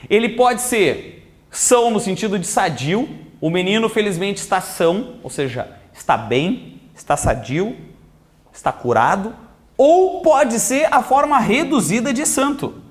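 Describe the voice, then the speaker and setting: Male teacher, video lesson, lively and high, drawls key words. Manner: lively, stretches words slowly for emphasis.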